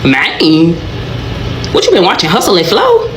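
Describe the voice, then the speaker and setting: A woman from Georgia explains her point frankly, with a lowish voice. She sounds roomy, and clear background noise comes through. The delivery is deliberate, like a reaction video. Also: huge pitch swings.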